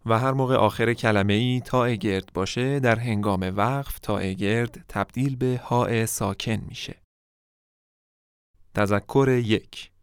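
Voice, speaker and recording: Male lesson narrator, smooth and close, dead-dry sound, measured delivery that drags out example words. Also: medium pitch, no echo. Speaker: Quran recitation teacher. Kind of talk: scripted instructional narration.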